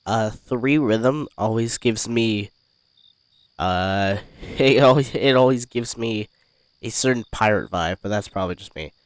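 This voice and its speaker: A man giving casual let's-play commentary on a music game, relaxed and hesitant with many fillers. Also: fairly low pitch, measured pace, slight background noise. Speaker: gaming YouTuber. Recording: music playing behind the voice.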